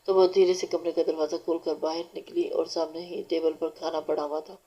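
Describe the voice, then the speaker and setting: A woman reading a romance novel aloud as audiobook narrator, steady and unhurried, with small restarts. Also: low-pitched. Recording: dull lo-fi recording.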